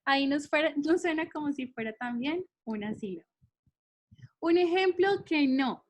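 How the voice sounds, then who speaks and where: Woman, high voice, patient English teacher, recorded online class. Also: expressive, moderate pace, slight background noise. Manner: patient, checks in with "¿listo?". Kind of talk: online class explaining syllable counting.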